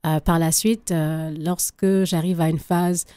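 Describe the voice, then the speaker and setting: Haitian-accented woman, singer guest on a radio interview, lowish voice, dry close sound. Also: little pitch movement, unhurried, warm tone, smooth, no echo. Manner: reflective, laughs often, many restarts.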